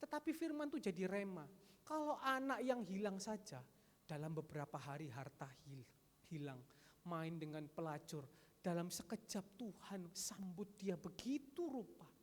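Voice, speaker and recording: A male pastor preaching a sermon, lively, switching between loud emphatic calls and quiet asides. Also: high voice, normal speed. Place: large church hall. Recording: long church hall reverb.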